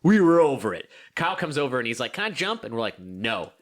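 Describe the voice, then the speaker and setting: A man's voice: medium pitch, quick pace. A young man co-hosting a podcast, telling a story in casual chat, swearing and acting out the other people in it. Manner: animated, swearing, acts out voices in stories. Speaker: podcast co-host.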